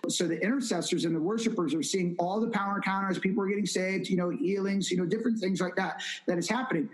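High-voiced man telling a testimony. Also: fast, rough recording. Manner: animated storyteller who acts out quoted speech; repetitive, emphatic phrasing. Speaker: evangelist guest. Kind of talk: testimony storytelling in an interview.

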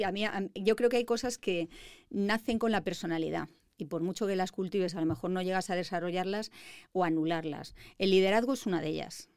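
A woman's voice: fairly low pitch, a little mellow, smooth, no room sound, studio quality. A woman in her fifties with a Madrid Spanish accent, a lawyer telling her story in an interview with confident, articulate ease. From Spain. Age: 50s. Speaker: guest, lawyer. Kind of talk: interview conversation.

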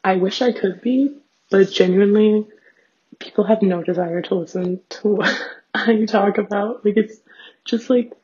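A young adult woman with a raspy voice and vocal fry, chatting casually in a rambling, self-deprecating solo diary full of fillers. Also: on the low side, mellow. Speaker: host of a personal audio diary. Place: small bathroom at home, sitting on floor. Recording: dull, lo-fi home recording.

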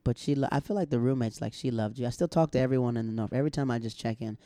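An American man in casual chat, telling animated stories and acting out the people he quotes. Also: mid-range voice, rapid-fire, no room sound. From United States. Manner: animated storyteller who acts out quoted dialogue.

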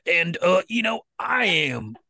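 A man's voice: sits high, sing-song, slow, vocal fry, pushed and bright, dry recording, studio quality, heavily acted. A man playing a nervous, obsequious adventurer who rambles politely in a tabletop game. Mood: nervous flattery. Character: nervous, flattering adventurer backing away politely.

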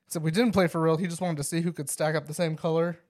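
A man's voice: a little high, fairly even intonation, fast talker, darkish tone. A young man, a podcast host and father, chatting casually and telling rambling stories, laughing often and filling his talk with "like". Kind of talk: casual chat.

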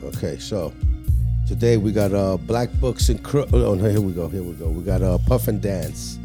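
Man, low voice, casual podcast co-host, loose slangy repetitive delivery, listing events, clear background music. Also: normal speed. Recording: music playing behind the voice.

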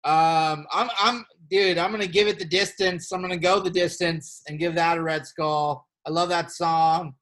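A fairly high-voiced man co-hosting a casual podcast. He is playful and loose, full of fillers and the odd swear word, and hams it up when he reads out gossip. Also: moderate pace, hardly any pauses. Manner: playful, animated reading of gossip. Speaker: podcast co-host. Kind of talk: casual chat.

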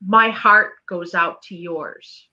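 A woman grief coach co-hosting a chat show, speaking in a gentle, careful, reflective way. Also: on the low side, takes it slowly, highs cut off. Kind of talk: casual conversation.

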